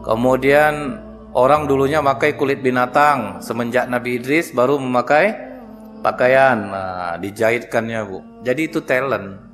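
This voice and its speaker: A man preaching in a lively storytelling way, joking and turning to the listeners often. His voice sits at an ordinary pitch. Faint music plays behind him. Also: normal speed. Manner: storytelling, humorous, addresses audience directly. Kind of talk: sermon.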